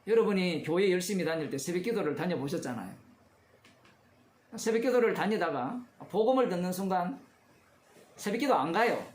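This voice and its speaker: A man's voice: high voice, expressive, brisk, long pauses, roomy sound. A male pastor giving a conversational expository sermon, asking his congregation questions as he explains the text. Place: church.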